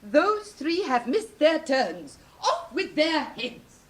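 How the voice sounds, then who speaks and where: A woman's voice: high voice, big pitch swings, takes it slowly, a bit bright, exaggerated voice. A woman acting a bossy, bloodthirsty storybook queen with an imperious, commanding manner, in a 1950s recording. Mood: furious.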